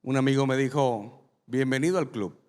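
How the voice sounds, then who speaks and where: A pastor preaching from the pulpit, his voice sitting at an ordinary middle pitch. He tells a story with lively energy and speaks straight to the congregation, and his words ring out with long reverb across a large church hall. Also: normal speed. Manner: animated, addresses the congregation directly. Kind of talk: sermon with personal storytelling.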